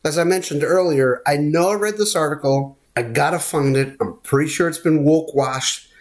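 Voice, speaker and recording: A man's voice: on the high side, moderate pace. A man co-hosting a pop culture podcast, talking in a rambling, opinionated way. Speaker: podcast co-host. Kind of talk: casual chat.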